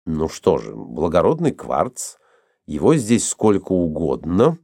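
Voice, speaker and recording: A cool, sceptical older man who explains things calmly and drily, as a male reader plays him. His voice sits low and mellow. It is measured and unhurried, recorded close and dry. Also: vocal fry, no room sound, exaggerated voice.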